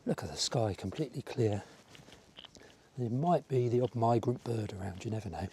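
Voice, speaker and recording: A vlogger with a slightly croaky voice from a cold rambles casually to the viewer, musing aloud as he walks along a village road and seafront outdoors. His voice is mid-range, mellow and expressive at a normal speed. He is recorded on a small wireless clip-on mic.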